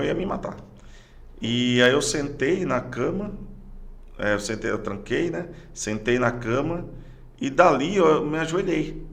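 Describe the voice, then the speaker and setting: A middle-aged man with a Brazilian Portuguese accent, a podcast guest telling a personal story in a halting way, often repeating words and restarting phrases. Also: medium pitch, vocal fry. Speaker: podcast guest, police sergeant. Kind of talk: personal testimony in casual conversation.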